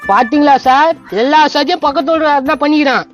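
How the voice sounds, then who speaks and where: A woman dubbing a hot-headed husband who faked madness, shouting and scolding in a comic fan dub. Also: high voice, quick pace, over music, close to an everyday voice. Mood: bickering.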